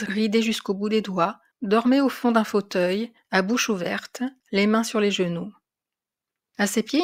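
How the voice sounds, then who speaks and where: A woman narrating a classic French short story in a measured, expressive storytelling voice. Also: medium pitch. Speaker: reader of literary classics.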